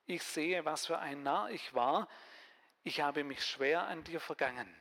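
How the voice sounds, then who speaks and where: A man voicing the humbled King Saul, speaking slowly and contritely, in a reverberant hall. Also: on the high side, a bit bright. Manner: slow, subdued and contrite.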